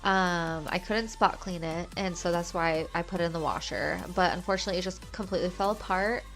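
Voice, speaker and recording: A woman's voice: fairly low pitch, a little fast, a bit bright. A young woman with a stuffy, nasal voice from a cold, chatting and explaining her way through a casual cleaning vlog voice-over. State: congested with a cold. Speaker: cleaning vlogger and mother. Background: music.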